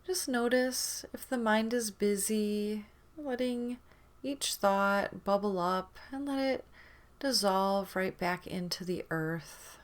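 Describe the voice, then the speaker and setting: In a guided meditation, a woman speaks at a medium pitch, keeping her manner soft and soothing and allowing long pauses between her words.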